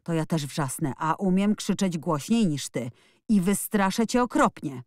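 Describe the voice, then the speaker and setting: A woman voicing a fierce, bossy little girl who scolds in sharp shouts. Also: fairly low pitch, animated, a little slow, dry recording, studio quality. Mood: scolding.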